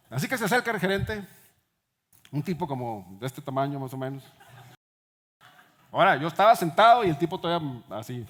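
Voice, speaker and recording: A man preaches a sermon in a fairly high voice. He swings from fiery, raised lines to sudden hushed ones, leaning on each word for emphasis. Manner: impassioned preaching with sudden drops to hushed tones. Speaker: pastor.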